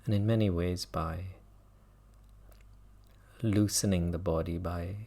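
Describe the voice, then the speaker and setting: Speaking in a low, gravelly voice with fairly even intonation, a meditation teacher guides a mindfulness session gently, with long pauses between phrases.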